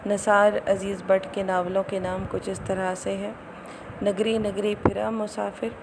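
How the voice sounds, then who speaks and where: A woman reading study notes aloud in a measured, formal way. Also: medium pitch, level tone. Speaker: narrator. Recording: clear background noise.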